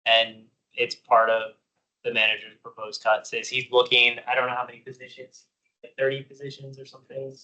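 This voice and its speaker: A man's voice: medium pitch, monotone, brisk, pushed and bright, poor audio. A man chairing a commission meeting, briefly moderating and asking members for their thoughts. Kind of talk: public meeting discussion.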